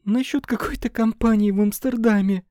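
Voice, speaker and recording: A man voicing a timid young woman secretary who sobs and wails in a high, plaintive voice. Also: fairly even intonation, normal speed, dark tone, dry recording, clean studio sound, close to an everyday voice. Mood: tearful, frightened. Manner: sobbing, plaintive, high-pitched.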